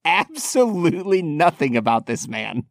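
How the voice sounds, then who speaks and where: A man's voice: on the high side, very animated, no echo, clean studio sound. Teasing man on a casual podcast. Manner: teasing, quick, chuckling. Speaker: podcast co-host. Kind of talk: casual chat about film.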